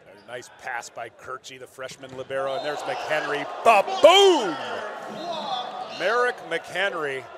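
Older man, play-by-play commentary, excitable, jokey, crowd noise behind. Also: medium pitch. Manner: excitable, jokey, quick corrections. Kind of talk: sports commentary. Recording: broadcast commentary over loud arena crowd.

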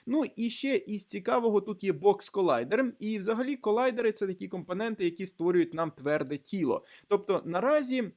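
Lively high-voiced man teaching software. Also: brisk, few pauses. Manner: explains step by step with frequent fillers and restarts. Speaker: programming instructor. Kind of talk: screen-recorded coding tutorial.

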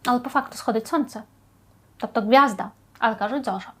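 A woman's voice: fairly high pitch, quick pace. A woman teaching a language lesson online, explaining words one at a time, giving example sentences with translations and often checking in with a questioning "tak?".

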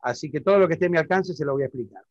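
Argentine man, public speaking teacher, higher voice, dry close sound, lo-fi. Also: racing, dry recording. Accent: Argentine Spanish. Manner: explanatory, keeps checking understanding with questions. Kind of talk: online lesson.

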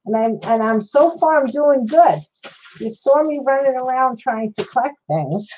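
A woman's voice: high-pitched, animated, moderate pace, a little mellow, slight background noise. A woman chatting casually to her livestream viewers while she works on a craft project, rambling and answering chat by name. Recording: slightly dull lo-fi stream audio.

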